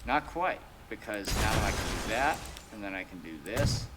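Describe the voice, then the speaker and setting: A young man with a fairly low voice talks casually over his gameplay, joking and narrating each step as he builds. It sounds like a home desk mic, with game noise clearly audible underneath. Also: lively intonation, moderate pace. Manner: joking, thinking aloud while building. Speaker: let's play co-host.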